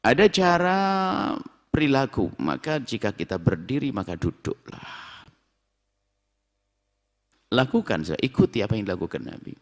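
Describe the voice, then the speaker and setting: A man preaching a sermon, emphatic with drawn-out phrases. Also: mid-range voice, sing-song. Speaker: Islamic preacher. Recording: long hall reverb.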